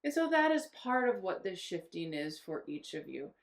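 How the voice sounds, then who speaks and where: A woman's voice: fairly low pitch, sing-song, normal speed. A woman channeling spiritual guidance in an unscripted talk, repeating phrases and restarting sentences.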